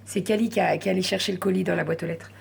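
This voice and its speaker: A woman's voice: fairly low pitch, steady tone, racing, vocal fry. A woman vlogging late at night from home, chatting casually and rambling, saying voilà at the end of her sentences.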